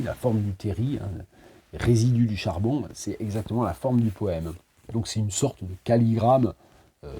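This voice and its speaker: Man, casual book talk, hesitant and digressive, deep dark tone, slightly husky. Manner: chatty, digressive, frequent hesitations; reads poems in a rhythmic, emphatic cadence. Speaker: book vlogger presenting poetry collections. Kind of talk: casual talk with poetry readings.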